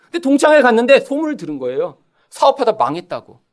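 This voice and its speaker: A middle-aged man preaches a sermon in a high, bright register. His pitch swings widely. He keeps calling out to the congregation and slips into the voices of the people in his stories. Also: quick pace. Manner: animated, acts out quoted voices, addresses congregation often. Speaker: pastor.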